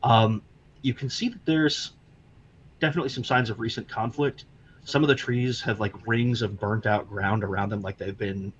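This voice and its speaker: A man's voice: on the low side, fairly bright tone. A man narrating a tabletop game as game master, in a loose way with many fillers. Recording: dull lo-fi mic with faint hiss.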